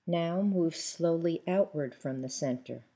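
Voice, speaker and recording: Low mellow woman talking u thru breathing exercises real slow and calm. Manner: calm, slow, soothing delivery with long pauses. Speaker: exercise instructor. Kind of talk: guided breathing instructions.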